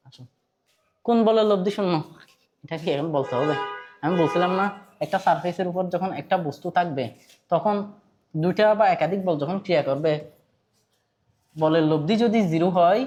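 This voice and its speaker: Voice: mid-range voice, moderate pace, pauses often, a little mellow. Bangladeshi teacher quizzing students aloud. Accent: Bangladeshi Bengali. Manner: conversational, quizzes students, repeats points, mixes in English terms. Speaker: physics teacher. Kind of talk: online class lecture.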